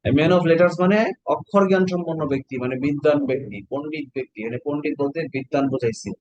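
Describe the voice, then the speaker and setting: A man's voice: a little high, quick pace, a little mellow, no room sound, lo-fi sound. A Bangladeshi man teaching an online exam-prep class, explaining step by step and quizzing his students with questions.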